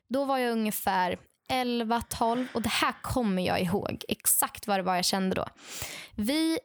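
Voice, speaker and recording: A young woman tells stories in an easy, chatty way, her voice sitting a little high. She lively acts out what other people said and fills the pauses with plenty of ums. The recording is dry and close, with no room echo. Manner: animated, acts out quoted dialogue; frequent fillers and restarts. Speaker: podcast co-host telling stories. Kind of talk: casual storytelling chat.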